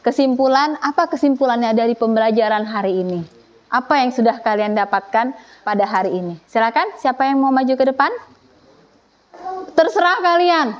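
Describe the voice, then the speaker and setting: High, playful teacher coaxing a class. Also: female voice, moderate pace, lo-fi sound. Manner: playful, teasing, coaxing students.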